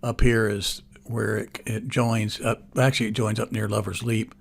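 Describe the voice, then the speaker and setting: Easygoing man on a hike. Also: lowish voice. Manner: easygoing, rambling. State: slightly out of breath, congested. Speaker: vlogger. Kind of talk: casual hiking vlog. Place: outdoors on a mountain trail. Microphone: action camera.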